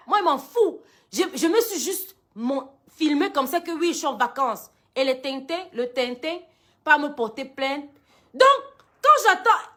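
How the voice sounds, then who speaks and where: A woman's voice: high-pitched, sharp tone. A woman telling a story to her followers in a dramatic, emphatic way. She mixes English phrases into her talk.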